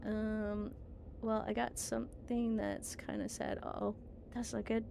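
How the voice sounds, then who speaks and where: A woman's voice: medium pitch, flat delivery, unhurried. A woman streaming a game, chatting casually as she plays and reads along. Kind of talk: casual game playthrough chat with read-aloud. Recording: clear background noise.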